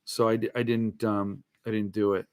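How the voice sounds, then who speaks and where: In a lowish, darkish voice with a level tone and normal speed, the host of a book-collecting show chats casually and rambles on about his interests. He thinks aloud hesitantly, drifts into asides, and his lisp makes his s sounds slushy.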